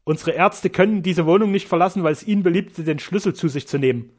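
A man's voice: high-pitched, quick pace, pitched above the performer's own voice. A man reading an audiobook voices a scornful young nobleman who speaks in a sneering, mocking way.

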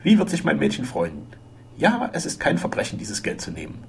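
A man voicing a burly, blunt French henchman who speaks gruffly and issues menacing warnings in a storybook reading. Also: a little high, huge pitch swings, a little fast, a little hiss or hum, pitched above the performer's own voice, full character voice. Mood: gleeful.

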